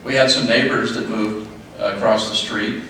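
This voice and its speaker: Middle-aged man, father of the bride at the podium, halting short phrases, very reverberant room, noisy background. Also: lowish voice, steady tone, bright, forceful tone. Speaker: father of the bride giving a speech. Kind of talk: wedding speech. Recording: echoey, noisy room, distant mic.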